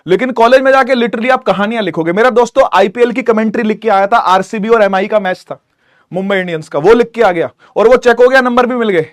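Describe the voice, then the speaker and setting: A man teaching an online class, giving a lively, preachy, friendly pep talk to students about studying hard. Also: sits high, fast talker, no echo, clean studio sound. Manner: animated, preachy, scolding yet friendly.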